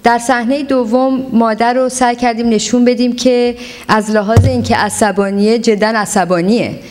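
A woman's voice: a little high, fairly even intonation, darkish tone. A woman speaking at a parenting seminar, giving earnest advice and slipping English words into her talk. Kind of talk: seminar lecture. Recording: long hall reverb.

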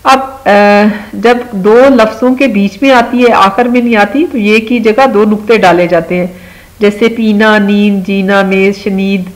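A woman teaching children a phonics lesson, speaking slowly and patiently as she drills words. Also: medium pitch, steady tone, poor audio. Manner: slow, patient, drawn-out word drills.

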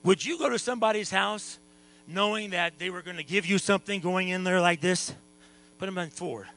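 Male pastor, high gravelly voice, preaches soft then shouts, mains hum under it. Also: fairly quick, poor audio. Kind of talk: revival sermon. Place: church sanctuary.

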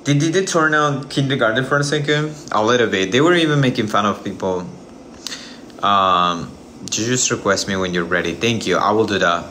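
A man's voice: fairly low pitch, pushed and bright, slight background noise. A man in his thirties chatting casually on a livestream from his kitchen, rambling and restarting often, recorded on a phone's front camera. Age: 30s. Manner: rambling, hesitant, many restarts. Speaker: livestream host. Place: indoor home kitchen.

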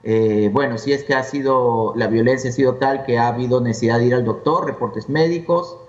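A man's voice: medium pitch, brisk. A man in a mid-range voice explains things step by step as an interview guest. He sounds set back from the mic in a roomy space. The recording is muffled and dull. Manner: explanatory, lays out points one by one. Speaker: immigration lawyer, interview guest. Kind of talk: conversational interview. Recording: distant, echoey and dull.

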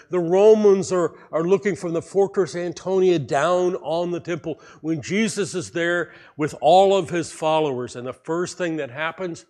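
A man preaching a sermon, telling a story in a lively way and speaking directly to his congregation. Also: on the high side. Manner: animated storytelling, addresses the congregation. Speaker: pastor.

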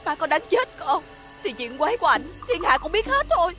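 An actress playing an indignant, wronged young wife with a Southern Vietnamese accent, speaking in a sharp, accusing way. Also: female voice, extremely high pitch, big pitch swings, fairly quick, full character voice. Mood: aggrieved. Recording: music playing behind.

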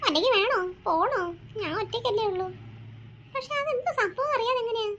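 A woman doing a very high, jumpy little girl. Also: animated, fairly quick, fairly bright tone, slight background noise. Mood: musing. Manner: jumpy, frightened muttering to herself. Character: scared young girl alone at night. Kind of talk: cartoon voice acting.

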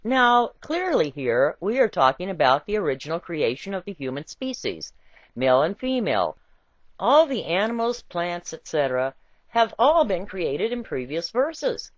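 A woman narrates a scripted satirical essay with playful, theatrical expressiveness. Her fairly low voice lilts in a sing-song way at normal speed, captured on a dull lo-fi home recording without echo.

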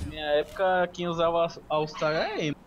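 A man's voice: fairly high pitch, fairly quick, slight background noise. A Brazilian man bantering casually as a teammate in online gaming voice chat.

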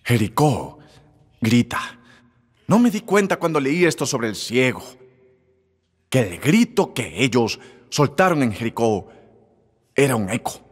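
A man preaching a sermon as pastor, emphatic and shouting, leading the crowd in call-and-response. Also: medium pitch, very animated, unhurried, long pauses, slightly rough, big-room sound.

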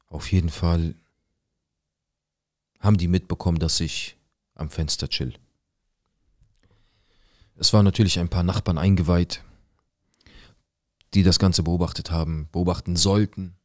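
A man's voice: deep voice, steady tone, unhurried, long pauses, no room sound, clean studio sound. A young man telling a personal story in casual street slang, acting out quoted dialogue. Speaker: guest telling his life story.

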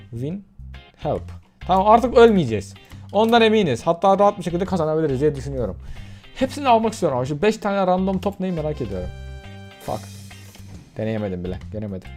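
A young man giving casual let's-play commentary while gaming, excitable and prone to sudden yelps. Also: a little high, fast talker, soft background music. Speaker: gaming YouTuber.

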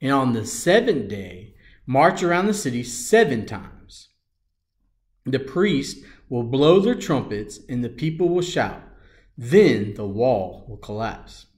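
A man voicing God giving measured orders, in his own everyday voice. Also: mid-range voice, sing-song, darkish tone. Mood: commanding.

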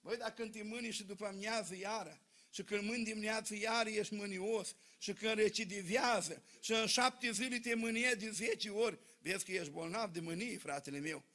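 Man preaching in church, really high voice, chatty folksy stories. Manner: folksy, animated storytelling to a congregation. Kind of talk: sermon.

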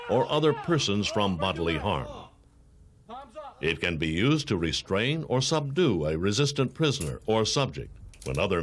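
Delivering scripted training material, an American man with a low voice sounds formal and authoritative. His sentences are measured and instructional, yet his pitch moves in lively rises and falls.

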